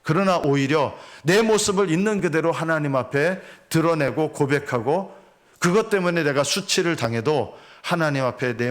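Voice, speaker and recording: Earnest pastor. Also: male voice, on the high side. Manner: earnest, rhetorical questions to congregation. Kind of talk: sermon.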